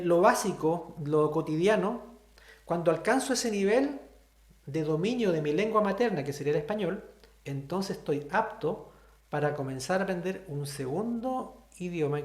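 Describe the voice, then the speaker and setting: Explaining a sign language lesson step by step for his online class, a man with a Chilean Spanish accent frequently asks students questions. His voice is a little high and a little mellow, and it reverberates.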